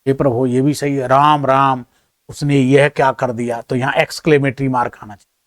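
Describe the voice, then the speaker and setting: A male teacher with a mid-range voice and little pitch movement speaks at normal speed, reading each exam question aloud and checking the options one by one from an answer key. He adds chatty, self-deprecating asides to his students, and the recording is dry and studio quality.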